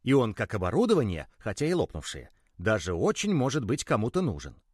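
A man narrating a children's story in a gentle, expressive way. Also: lowish voice, a little fast, breathy edge, no room sound, studio quality.

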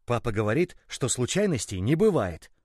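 A man voicing a calm young boy who longs for a friend. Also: mid-range voice, normal speed, slightly rough, dry recording, studio quality. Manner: calm, growing excited.

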